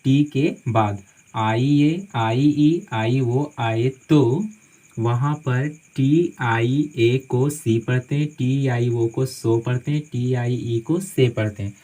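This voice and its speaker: The audio is poor as a man with a medium-pitched, dark voice slowly teaches English spelling rules in classroom fashion. He breaks words into individual letters, repeats every phrase, and checks in with "theek hai" after most points.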